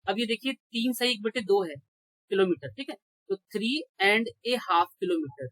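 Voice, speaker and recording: A man's voice: high-pitched, lively intonation, moderate pace, fairly bright tone, no room sound, rough recording. A man teaching an exam-prep grammar lecture, explaining rules step by step, checking in with his students and answering his own questions. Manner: asks rhetorical questions and answers them.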